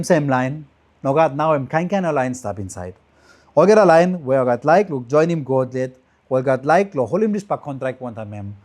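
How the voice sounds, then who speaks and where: A man with a Papua New Guinean accent teaches from the Bible as a preacher in pidgin, in short repeated phrases that rise with emphasis and then trail off softly. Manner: emphatic rises trailing off into lower, softer phrase endings.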